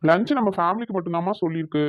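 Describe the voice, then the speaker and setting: A calm, soothing cartoon groom, voiced by a woman with a lowish voice. He speaks patiently and affectionately. The sound is dry and a little dull, like a lo-fi recording. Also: racing, no echo, close to an everyday voice.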